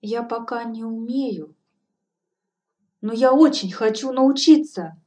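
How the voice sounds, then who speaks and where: A woman's voice: lively intonation, moderate pace, dark tone. Woman doing an anxious, pleading young woman. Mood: earnest. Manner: pleading, earnest, higher-pitched. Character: anxious, dutiful young woman seeking advice. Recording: distant from mic, faint music behind.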